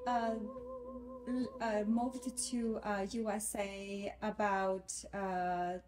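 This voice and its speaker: A Romanian classical soprano in her thirties, appearing as a guest singer, gives interview answers and a recorded intro in English, which isn't her first language, full of fillers and restarts. Her mid-range, darkish voice is flat and draws words out, with a little hiss or hum.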